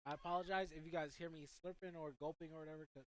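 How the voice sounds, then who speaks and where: A high school boy in his teens calls a soccer game play by play, talking very fast and sounding excitable and breathless as he wanders off into asides for his listeners.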